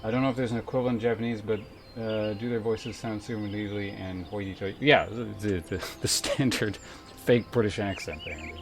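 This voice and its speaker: A male game streamer speaks a little fast in a fairly low voice while game music plays. He chats casually and rambles, musing aloud with the occasional swear word.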